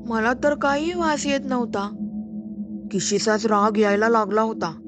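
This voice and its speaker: A woman storyteller and podcast host giving a scripted, slow and suspenseful narration. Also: a little high, fairly even intonation, over music.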